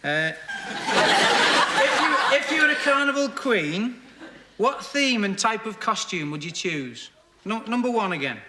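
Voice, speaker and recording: A man's voice: sits high, very animated, a little slow, pauses often, noisy background. A man on a TV dating show reading out questions and cracking jokes, laughing through his lines. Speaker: game show contestant. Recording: studio with loud audience laughter.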